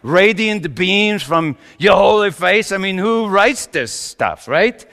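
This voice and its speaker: A man's voice: sits high, animated, slow pace, heavily acted. A man as theatrical Joseph, swooping wildly. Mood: impassioned. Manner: theatrical, swinging between hushed asides and shouted exclamations. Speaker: storyteller preaching in character. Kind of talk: comic dramatic monologue to a congregation. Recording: reverberant hall.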